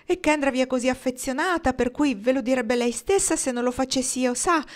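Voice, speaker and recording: A woman's voice: high voice, a little fast, pitched above the performer's own voice, natural voice. Woman reading as a tearful older woman. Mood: urgent. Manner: trembling, urgent, confiding.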